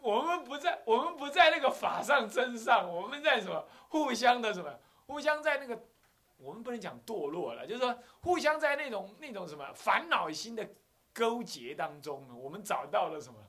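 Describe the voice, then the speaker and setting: Animated man giving a Buddhist lecture. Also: very high voice, moderate pace. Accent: Taiwanese Mandarin. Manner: animated, acts out scenes, chuckles often. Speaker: Buddhist abbot teaching.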